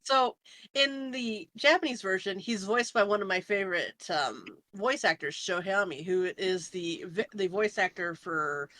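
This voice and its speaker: A woman co-hosting a casual podcast chat, animated and gushing, quick to laugh. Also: medium pitch. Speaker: podcast co-host.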